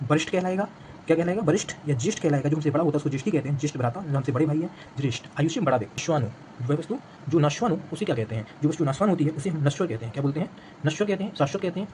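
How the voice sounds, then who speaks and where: A man's voice: a little high, expressive, rapid-fire, darkish tone, a little hiss or hum. A man teaching an exam-prep language lesson, repeating each answer back as a quiz question.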